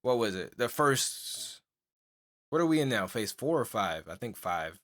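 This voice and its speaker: A young man with a lowish, bit-bright voice co-hosts a podcast, very animated yet a little slow. It's a casual chat where he rambles, restarts, scatters "like" and fillers throughout, and laughs a lot.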